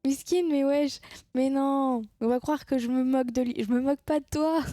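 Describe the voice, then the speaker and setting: A woman's voice: high-pitched, fairly even intonation, normal speed, mellow, dry recording, studio quality, soft background music. A woman chatting casually with her viewers on a live stream, teasing them and laughing at her own jokes.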